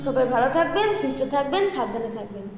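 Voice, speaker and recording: Woman doing a chatty house tour voiceover, really high voice, big booming echo from an empty room, loud guitar music under it. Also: sing-song, quick pace. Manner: chatty tour-guide narration, addressing viewers directly. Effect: heavy echo from an empty upstairs room. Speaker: vlogger. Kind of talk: home tour voice-over narration. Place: empty upstairs floor of a large house. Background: loud plucked guitar music.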